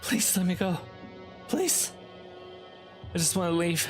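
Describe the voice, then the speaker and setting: A man's voice: high voice, sing-song, slow, soft background music, voice pushed up, full character voice. A man voicing a terrified, wounded young person in a game who begs repeatedly to be let go. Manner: pleading, frightened, repetitive.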